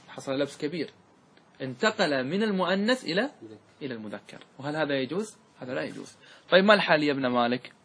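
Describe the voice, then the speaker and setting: A man with a slightly high, husky voice lectures on grammar to a class. He quizzes his students again and again, repeats each key point, and stretches the example words out syllable by syllable. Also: fairly bright tone. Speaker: Arabic grammar teacher.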